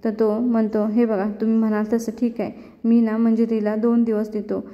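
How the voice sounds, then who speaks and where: A woman with a fairly high voice recaps an episode of a TV serial as a story, acting out the characters' lines as she quotes them. Her tone stays level and her pace moderate. The recording is dull and lo-fi, with a long reverb.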